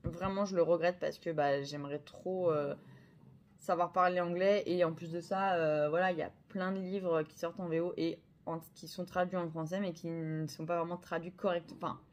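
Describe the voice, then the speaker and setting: A woman's voice: on the low side, steady tone, normal speed, a little mellow. A young French woman chatting casually about her books, hesitant, with many fillers and self-corrections. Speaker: book vlogger. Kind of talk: casual chat.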